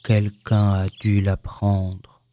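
A woman voicing a gloomy old grey male donkey in a storybook reading, speaking slowly in a low, sombre, sighing voice. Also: lively intonation, dark tone, slight background noise, full character voice.

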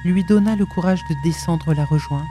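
A woman reading a horror story aloud in a hushed, suspenseful way. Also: fairly low pitch, moderate pace, music in the background. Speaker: narrator.

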